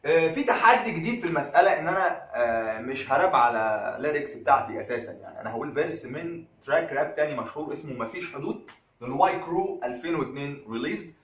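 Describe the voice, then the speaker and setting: A man's voice: fairly high pitch, animated, rapid-fire, reverberant, far from the mic. A man with an Egyptian accent, a rapper and vlogger chatting loosely in slang between rap takes. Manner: loose, slangy, laid-back talk. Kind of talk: casual chat between freestyle rap takes.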